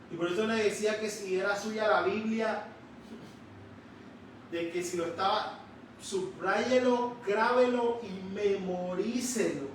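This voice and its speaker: A man's voice: high voice, fairly bright tone. Male preacher in a church, takes his time, leans hard on words, far off mic, faint hiss. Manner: slow, emphatic, drawing out key words. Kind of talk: sermon. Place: church sanctuary. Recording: echoey church hall, distant mic.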